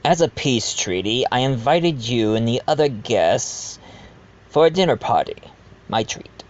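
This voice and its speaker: A man's voice: medium pitch, lively intonation, a little slow, lo-fi sound, lightly acted. A man playing a genteel, blackmailing manor owner who confides in the listener in an amateur audio drama. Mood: hospitable, gossipy. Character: blackmailing manor owner, self-aware, genteel adoptive father.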